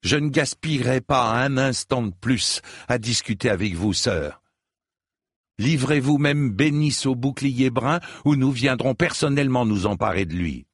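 A man's voice: mid-range voice, animated, a little slow, slightly rough, no echo, studio quality, pitched above the performer's own voice. A man voicing a stern, commanding noble lady. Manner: curt, commanding. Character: stern noble widow, proud and cold.

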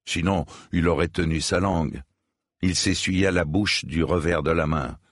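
A man reading a fantasy novel aloud in measured, grave storybook narration. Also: low voice, no room sound, clean studio sound. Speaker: audiobook narrator.

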